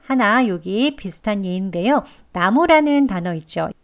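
A woman teaching English pronunciation, explaining patiently and modelling sounds slowly. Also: medium pitch, lively intonation. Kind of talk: pronunciation lesson.

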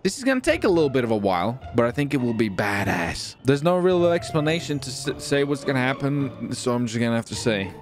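Over music, a man rattles off game-time roleplay banter at a quick pace with hardly any pauses, his medium-pitched voice full of excitable, cocky humor and swearing. He's a streamer and roleplayer keeping things casual.

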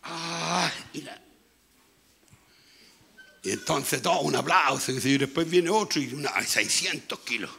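A man with a Chilean accent preaching a sermon as pastor, with a hoarse, gravelly voice, talking loudly and repeating himself as he goes. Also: mid-range voice, a little slow, long pauses. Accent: Chilean Spanish. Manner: speaks loudly, conversational preaching with frequent repetition. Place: church.

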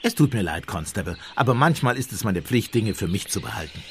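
Pater Brown, an actor as a deep-voiced priest detective. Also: male voice, lively intonation, a little hiss or hum, close to an everyday voice. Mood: calm, firm. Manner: measured, politely evasive, understated irony. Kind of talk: German radio play acting.

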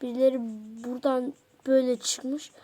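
High-voiced excitable woman gamer. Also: moderate pace. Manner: excitable, repeats phrases in bursts; slangy casual talk to viewers. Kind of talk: let's play commentary.

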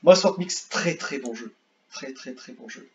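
A young man casually ranking video games, rambling and repeating himself, with excitable bursts. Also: medium pitch, measured pace, dull audio. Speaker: gaming youtuber. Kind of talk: casual tier-list commentary.

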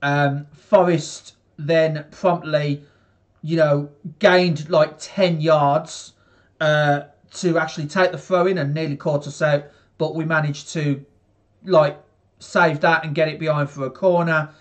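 Slow-talking young Englishman streaming a match. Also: fairly high pitch, fairly even intonation. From England. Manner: rambling, many fillers, talks slowly to viewers. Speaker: football watchalong streamer. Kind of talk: casual live match commentary to chat. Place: small bedroom. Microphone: headset.

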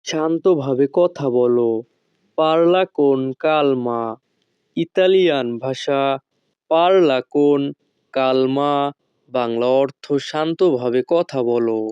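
Slow, deliberate male language teacher. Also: medium pitch, a little mellow, clean tone, dry recording, highs cut off. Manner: slow and deliberate, repeating each phrase. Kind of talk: scripted language lesson.

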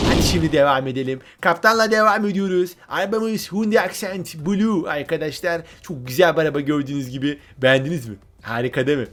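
Excitable man commentating a game. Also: a little high. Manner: excitable, repeats words when thrilled, addresses viewers as friends. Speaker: gameplay commentator.

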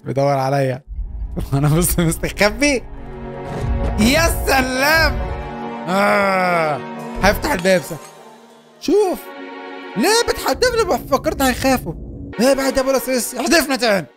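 A young man with an Egyptian Arabic accent giving excitable, joking commentary as he plays a game. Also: high voice, moderate pace, pauses often, over music. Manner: excitable, joking, urging his character on. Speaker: gaming YouTuber. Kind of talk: Let's Play commentary.

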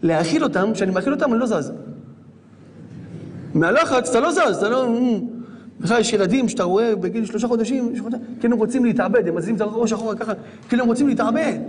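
A man preaching as a rabbi, giving a dramatic sermon that swings from shouting to near whispers. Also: very high voice, expressive, slight background noise.

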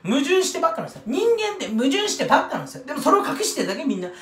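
A young man rambling through a self-mocking comedic monologue as a YouTuber, with quick throwaway impressions. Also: very high-pitched, big pitch swings. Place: toilet room. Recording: echoey small room, mic at a distance.

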